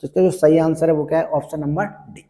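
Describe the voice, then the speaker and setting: A man's voice: fairly high pitch, fairly even intonation, fast, warm tone, in a large hall. A male Hindi exam teacher working through practice questions one by one, repeating each question and answer for emphasis. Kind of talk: exam prep lesson, question by question.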